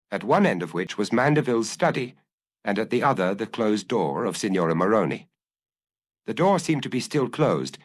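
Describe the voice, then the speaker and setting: A man narrating a dramatic audiobook in a measured storytelling manner. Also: lowish voice.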